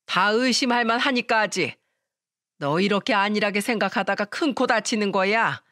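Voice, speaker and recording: A suspicious older mother-in-law barks accusations in a raised, scolding voice, as a woman puts her on. The voice is pitched up and pushed louder than the storyteller's own. It sounds like a story radio drama recorded close and dry. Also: normal speed, no echo, natural voice. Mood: accusing.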